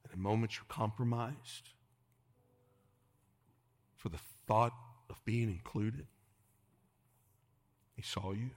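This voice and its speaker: A man preaching a sermon to a congregation in a church, dropping to hushed whispers and rising to urgent calls, and leading the room in call-and-response. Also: lowish voice, slow pace, pauses often. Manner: swings from hushed whispers to raised exhortation, calls the congregation to repeat. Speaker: pastor.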